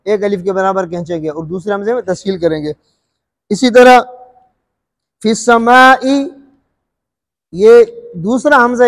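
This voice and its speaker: A man teaching rules of Quran recitation, explaining calmly and drawing out recited words slowly, often asking if it is understood. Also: high-pitched, in a large hall. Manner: slow drawn-out recited examples between explanations; checks understanding with questions.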